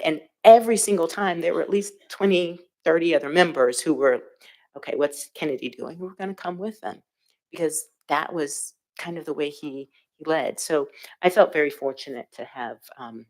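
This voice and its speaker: A woman speaking on a panel, telling a reflective story about a former mentor, with frequent pauses and fillers. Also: deep voice, a little mellow. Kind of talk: panel discussion.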